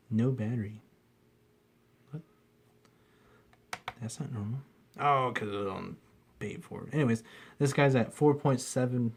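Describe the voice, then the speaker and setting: Casual rambling man reviewing gadgets. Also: mid-range voice. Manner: loose and rambling, swears casually. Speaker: product reviewer.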